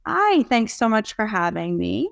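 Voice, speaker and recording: A woman's voice: on the high side, sing-song, measured pace, gravelly, no echo, clean studio sound. A woman from the Boston area, a podcast guest speaking in an earnest, chatty way. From Boston area, USA. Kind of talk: casual podcast chat.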